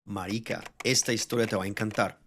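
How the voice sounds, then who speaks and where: A man's voice: fairly low pitch, steady tone, brisk, a bit bright. Male intro announcer over noise. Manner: announcing, promotional. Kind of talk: scripted intro narration. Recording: clear background noise.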